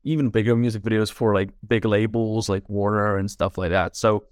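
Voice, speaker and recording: Speaking briskly in a smooth, lowish voice, this young filmmaker from the Czech Republic, in his twenties, joins a podcast for a casual interview chat. He comes across as relaxed and thoughtful, often tossing in "like" and "right?". The recording is clean studio sound without echo.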